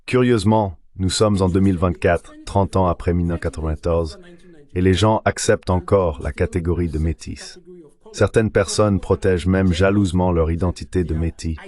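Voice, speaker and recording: A man with a very deep voice speaks as a university professor being interviewed. He lays out his argument step by step, like a lecture, and keeps stopping to give examples. He is from Nigeria. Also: a little mellow. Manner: explanatory, lecturing, builds points with examples. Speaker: professor and guest. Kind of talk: interview answer in a dubbed translation.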